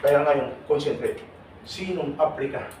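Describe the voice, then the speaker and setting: A man runs a lively seminar in a big, echoing hall, and his voice comes from far across the room with steady noise behind it. He teases the audience and keeps calling on people to answer his questions. His voice sits a little high for a man. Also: unhurried. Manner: teasing, jokey, calls on audience members. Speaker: seminar speaker for overseas workers. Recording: echoey hall, voice from far off, noisy.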